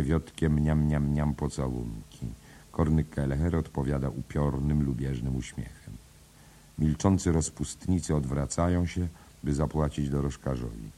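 A man with an extremely deep, breathy voice reads stage directions in a measured, steady way. His scripted narration keeps a calm, even flow. The husky low tone carries every line.

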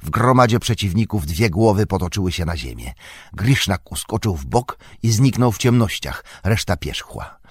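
Deep, husky male audiobook narrator. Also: dry recording, clean studio sound. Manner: steady, measured storytelling.

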